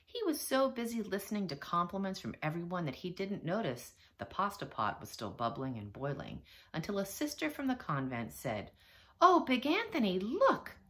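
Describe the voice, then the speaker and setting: A teacher reading a children's picture book aloud, with expressive storytelling. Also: female voice, on the low side, normal speed, few pauses. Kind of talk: children's read-aloud narration.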